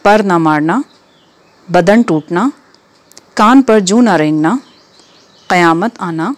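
A woman reading a textbook drama aloud in a measured way, with its stage directions and exercise questions. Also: on the low side. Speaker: teacher reading a textbook lesson.

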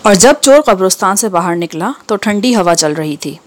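A woman reading an Urdu textbook aloud, with careful, measured delivery and steady pauses between items. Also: mid-range voice. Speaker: textbook reader.

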